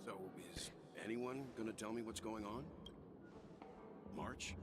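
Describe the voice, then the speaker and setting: A man voicing a calm, serious young companion in a video game, steady and matter-of-fact. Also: fairly low pitch, unhurried, big-room sound, soft background music, close to an everyday voice. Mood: puzzled.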